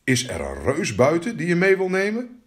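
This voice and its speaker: A man's voice: fairly high pitch, wildly swooping pitch, moderate pace, voice pushed up. A man voicing a stern, fatherly old king in a fairy tale, speaking firmly. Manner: firm, commanding.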